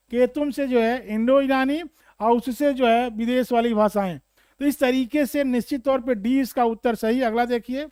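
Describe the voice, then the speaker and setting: A man teaching Hindi literature for exam prep, explaining slowly and repeating points with questions to students. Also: very high voice, darkish tone, smooth, dry recording, clean studio sound.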